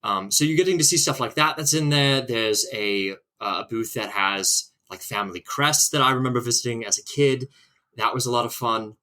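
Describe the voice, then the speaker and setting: A man's voice: medium pitch, normal speed, sharp tone, close to an everyday voice. A man putting on a posh British accent as he talks about history, with many hesitant ums. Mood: earnest.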